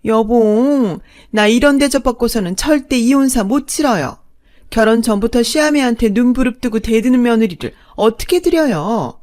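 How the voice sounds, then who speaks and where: A woman's voice: fairly high pitch, expressive, normal speed, a little mellow, pitched above the performer's own voice, lightly acted. Woman putting on a sneering snobbish mistress. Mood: indignant. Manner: haughty, mocking. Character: snobbish sneering middle-aged mistress, greedy.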